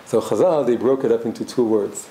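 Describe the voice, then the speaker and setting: Thinking aloud in a reflective class, a native Hebrew speaker teaches with halting speech and many restarts. The voice is very dark and mellow, medium in pitch, and the room carries a clear echo and a faint hum of noise.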